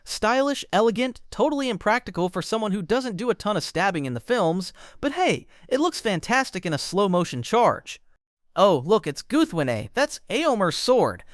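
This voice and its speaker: A man reading a scripted lore explainer, with a wry, joking manner and quick comic asides. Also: sits high, very animated, no echo, clean studio sound. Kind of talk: scripted narration.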